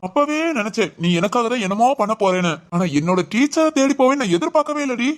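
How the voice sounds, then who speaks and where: A man voicing a stern policeman husband who scolds his wife with quick, mock-stern retorts in an audio drama. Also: very high voice, animated. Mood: scolding. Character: stern policeman husband, gruff but teasing.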